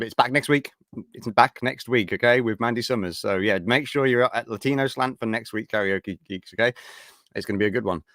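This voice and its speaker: Brief: British man, live-stream host, mid-pitched, upbeat and rambling, dry close sound. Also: fairly bright tone, dry recording. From Britain. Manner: upbeat, rambling, many fillers. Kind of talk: casual live-stream chat.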